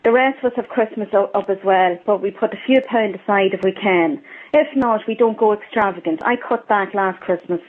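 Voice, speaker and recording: A woman's voice: medium pitch, fairly quick. A woman with an Irish accent calling a radio phone-in to air a grievance. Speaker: phone-in caller, civil servant. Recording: tinny phone line on radio.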